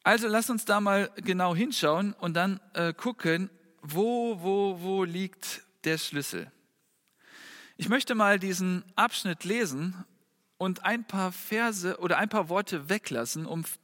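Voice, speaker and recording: A middle-aged man preaching a sermon, earnest, dropping soft for quoted lines and rising loud when pleading. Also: high voice, measured pace. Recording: long reverb of a large hall.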